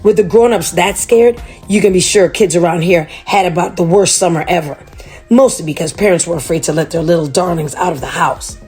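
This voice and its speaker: A woman reading a chapter book aloud to children, chatty and animated. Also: on the low side, brisk, faint music behind.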